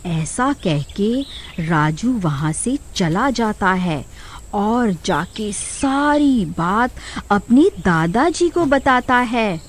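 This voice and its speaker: A woman narrating a cartoon horror story in a slow, deliberate scripted style. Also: medium pitch, big pitch swings, a little hiss or hum.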